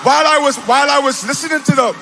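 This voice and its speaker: A man raised in the Bahamas giving a spoken testimony on a large auditorium stage into a handheld mic, animated and breaking into shouts when excited. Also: extremely high pitch, very fast, gravelly, slight background noise. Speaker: testimony speaker at a church event. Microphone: handheld mic held by another man.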